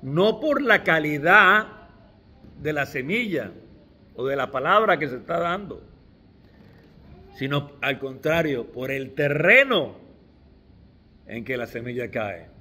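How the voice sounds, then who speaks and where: A man's voice: mid-range voice, expressive, a little slow, pauses often, sharp tone, breathy edge. A middle-aged man preaching a sermon, stressing key words with restarts along the way.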